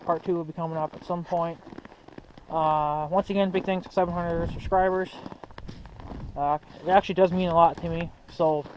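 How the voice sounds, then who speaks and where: His voice sits high and a little mellow: a young hobbyist video host rambling to viewers in relaxed slang while thinking aloud. The amateur recording sounds muffled and noisy.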